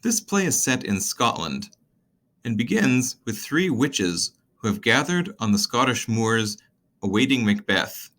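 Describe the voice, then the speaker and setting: A man's voice: mid-range voice, sing-song, a little slow, fairly bright tone. A man narrating a casual scene-by-scene summary of a play, in a wry, conversational manner.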